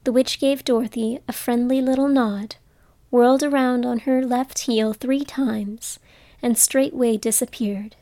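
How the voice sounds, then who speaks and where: A woman reading a storybook aloud in a calm, measured way, sometimes dropping to a whisper. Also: fairly high pitch, no echo.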